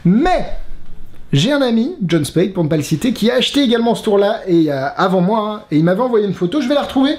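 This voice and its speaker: A man reviews a magic trick in a casual, exasperated way, swearing and laughing along. His pitch leaps around a lot. The room gives his voice a clear echo. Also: very animated, fast, darkish tone. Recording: roomy echo.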